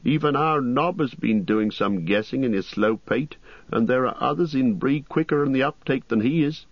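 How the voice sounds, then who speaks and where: A man's voice: medium pitch, moderate pace, no room sound, dull audio, voice pushed up, lightly acted. A man voicing a fussy, flustered middle-aged innkeeper, chattering in rustic turns of phrase, in a storybook reading. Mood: anxious, helpful.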